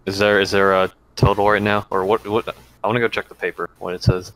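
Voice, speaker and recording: Low-voiced man playing a tabletop game. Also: flat delivery, fairly bright tone, low-quality recording. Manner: hesitant, halting. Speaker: player. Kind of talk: casual tabletop game chat.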